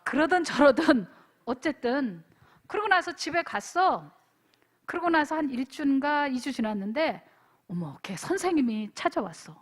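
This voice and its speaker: High, lively woman preaching to teens. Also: moderate pace. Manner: animated, calls for amens; storytelling, acts out dialogue. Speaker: pastor. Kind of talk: youth retreat sermon.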